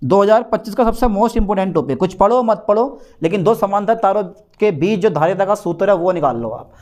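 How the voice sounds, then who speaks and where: A man teaching a physics exam-prep lesson, repeating key phrases slowly and stressing what matters for the exam. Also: high-pitched, expressive, a little mellow.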